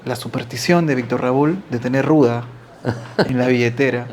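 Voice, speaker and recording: A man hosting an interview, asking measured, reflective questions. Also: mid-range voice, a little mellow.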